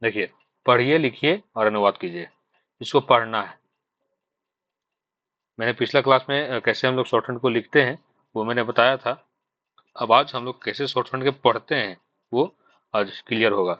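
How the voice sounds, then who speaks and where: A man from Jharkhand teaches shorthand in an exam-prep class, speaking at an everyday pitch. He explains patiently, circling back over each point and checking in with the students. The voice is close and dry, with a slightly dull, muffled tone. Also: moderate pace, pauses often, no room sound. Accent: Hindi speaker from Jharkhand. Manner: patient, repetitive explaining with frequent fillers and "thik hai" checks. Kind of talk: online exam-prep lesson.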